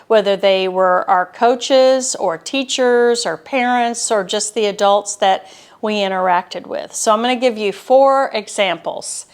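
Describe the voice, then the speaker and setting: Smooth-voiced woman therapist explaining calmly. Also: medium pitch. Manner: calm, explanatory, steady. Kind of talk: educational talk to camera.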